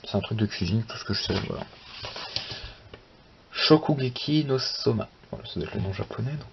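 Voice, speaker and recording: A young man hosting a manga channel who chats casually while flipping through a magazine. He rambles, talks to himself and swears lightly, and the recording is slightly dull with a steady hiss. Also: fairly low pitch, brisk, vocal fry. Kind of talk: casual unboxing chat.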